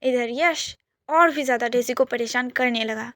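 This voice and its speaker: High-voiced woman narrating a story. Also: moderate pace, a bit bright, no echo, studio quality.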